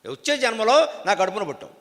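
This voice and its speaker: A man's voice: high-pitched, big pitch swings, fast, fairly bright tone, pitched above the performer's own voice. A man voicing a jealous, haughty young queen who scolds her stepson with contempt, in a devotional discourse. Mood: scornful. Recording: long hall reverb.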